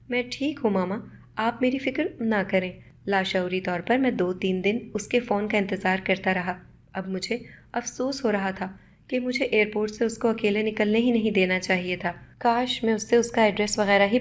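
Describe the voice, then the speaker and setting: A woman narrating a scripted first-person moral story in a steady, measured reading. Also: medium pitch.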